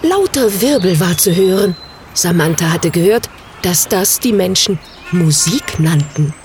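A woman narrating a fairy tale aloud in a slow, gentle reading voice. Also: on the low side, lively intonation, slight background noise. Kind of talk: storybook narration.

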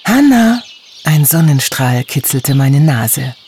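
A man narrating a children's audiobook in an expressive storytelling voice. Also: measured pace, slight background noise. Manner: expressive storytelling with lively pitch.

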